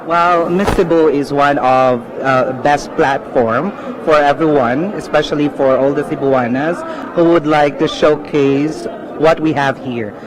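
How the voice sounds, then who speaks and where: Male guest, somewhat high pitch, casual interview amid a noisy crowd. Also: fairly even intonation, a little slow. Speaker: interviewed pageant fan and blogger. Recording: noisy crowded outdoor event.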